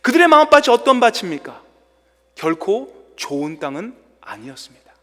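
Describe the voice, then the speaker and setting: Very animated, a male pastor delivers a church sermon at a moderate pace in a high, sharp-toned voice that swings widely in pitch. He tells the story dramatically, with the hall's long reverb trailing behind him.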